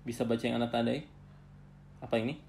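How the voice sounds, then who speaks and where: A man teaching an Arabic class online, patiently explaining terms and often ending phrases with a soft tag. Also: medium pitch, monotone, quick pace, gravelly, a little hiss or hum. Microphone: video call.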